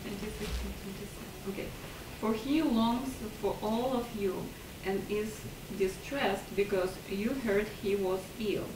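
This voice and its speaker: Woman in a bible class reading a verse out loud, far from the mic, echoey room, lots of noise. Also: medium pitch, fairly even intonation, a little slow. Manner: careful reading with small slips. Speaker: class member reading scripture.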